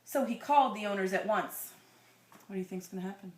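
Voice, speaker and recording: This woman talks fast at medium pitch as she reads a children's story to a listener, expressively drawing out phrases and slipping in asides and questions. The sound is roomy and echoing, with slight background noise.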